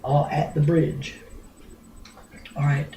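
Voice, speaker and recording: Slow, rambling older woman storyteller. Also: sits low, little pitch movement, mellow, a little hiss or hum. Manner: slow and drawn out, many pauses and restarts; blunt, earthy, with mild swearing. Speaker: grandmother telling a family story. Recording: roomy home recording.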